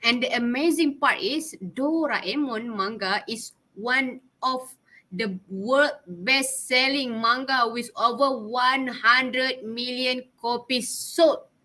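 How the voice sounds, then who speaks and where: A woman's voice: on the high side, slow, sharp tone. A woman in her twenties with a Malaysian English accent, casually presenting to her class, chatty and giggly, slipping Malay words in. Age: 20s. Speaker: student presenter.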